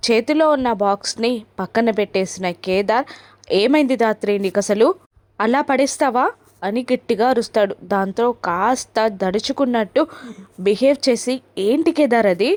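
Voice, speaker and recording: Woman, storytelling recap, lively quarrel voices, dry close sound. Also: no room sound. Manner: lively retelling, raising pitch for quarrel lines. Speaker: serial recap narrator.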